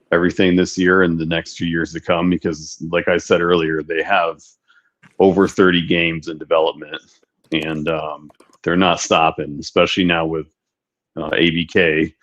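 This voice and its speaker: Low, flat man on buzzy call audio. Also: lo-fi sound. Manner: steady, unhurried, with frequent ums. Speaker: livestream co-host. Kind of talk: casual gaming chat.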